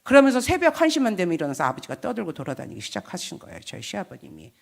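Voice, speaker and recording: Middle-aged woman pastor, animated testimony sermon, drops to a hush then rises loud for quoted voices. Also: on the low side, rapid-fire, vocal fry. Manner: animated storytelling, acting out quoted voices with big swings in loudness. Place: church sanctuary.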